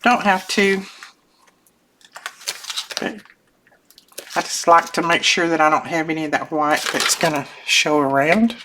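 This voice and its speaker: Crafting at her desk, this older woman who hosts a craft channel chats in an unhurried, cozy way, pausing often, cutting herself off, and laughing softly again and again. Her very low voice carries a slight stuffiness from her sinuses. You can plainly hear background noise and little clicks in the recording.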